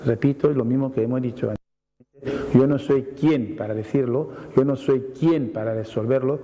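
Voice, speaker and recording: With a warm, mid-range voice, a language scholar on television unpacks word meanings for viewers steadily, reading each definition before illustrating it with examples and frequently saying things twice. The studio is reverberant, carrying a faint hiss.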